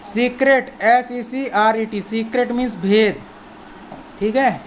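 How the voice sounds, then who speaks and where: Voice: medium pitch, takes it slowly, slight background noise. A teacher giving a language lesson who spells each word out letter by letter, then repeats it and gives its meaning, checking in often. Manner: patient and repetitive, often checks in with "theek hai". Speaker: English teacher. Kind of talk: language lesson explained in Hindi.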